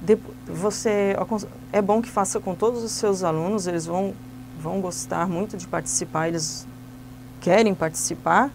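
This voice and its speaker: This woman, a trainer for Sunday school teachers, explains kids' church classroom activities step by step with patient instruction. She has a medium-pitched, somewhat dark voice at normal speed, with a faint hiss or hum in the recording.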